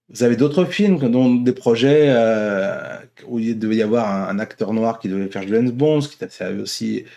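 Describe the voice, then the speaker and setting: The host of an online opinion vlog, a man with a warm, medium-pitched voice, offers an unscripted, casual monologue. He rambles, circling back to repeat and rephrase his points.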